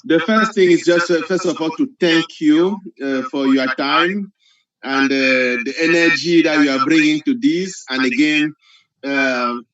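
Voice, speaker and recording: Halting Cameroonian man on a video call. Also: a little high, fairly bright tone. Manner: halting, many "uh"s, joking. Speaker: conference guest asking questions. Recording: dull lo-fi video call audio.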